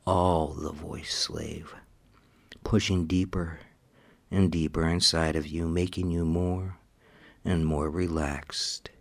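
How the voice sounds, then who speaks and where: A man with a very deep, low voice leads a hypnosis recording. He speaks very slowly and repeats his commands, often sinking into hushed whispers. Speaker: hypnosis audio narrator. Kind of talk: slow scripted hypnotic induction.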